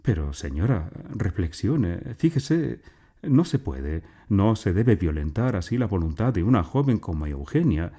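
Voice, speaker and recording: A man voicing an earnest, lovesick young gentleman who speaks solemnly and politely, in a storybook reading. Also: sits low, big pitch swings, measured pace, slightly rough, full character voice.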